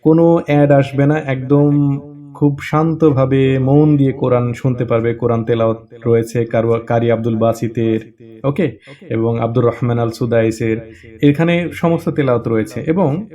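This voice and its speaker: A man walks through an app in a relaxed, chatty way. He keeps checking in with the listener and pauses on fillers. His voice sits at an ordinary middle pitch. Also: lo-fi sound. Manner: chatty, with frequent "okay?" check-ins and fillers. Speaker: app tutorial presenter. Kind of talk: casual app walkthrough tutorial.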